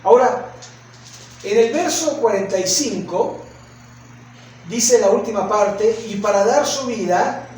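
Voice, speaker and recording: A male pastor with a Mexican Spanish accent preaching a sermon, asking rhetorical questions and acting out shouts. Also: high voice, takes it slowly, pauses often, a little hiss or hum. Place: church sanctuary. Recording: echoey church hall from far off.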